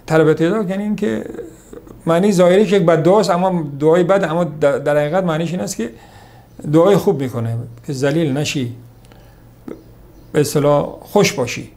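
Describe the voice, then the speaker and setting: Male preacher, somewhat high gravelly voice, slow recitation then chatty explanation. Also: darkish tone. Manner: slows to recite Arabic hadith, then explains in Persian; conversational lecturing, repeats points. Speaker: religious teacher. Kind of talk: sermon on hadith.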